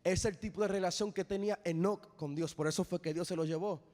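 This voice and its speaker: A young man preaching an impassioned sermon, at times lifting into sung, shouted phrases. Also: sits high, fairly even intonation, a little fast. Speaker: evangelist preacher. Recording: long church hall reverb.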